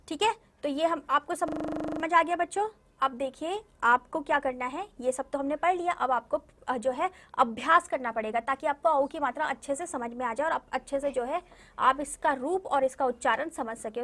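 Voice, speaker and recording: A woman's voice: high-pitched, a bit bright. A young woman teaching a Hindi lesson to young children in an online video, patiently repeating words and often checking that the children understand. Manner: patient, repeats words slowly and drills vowel signs. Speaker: primary school Hindi teacher.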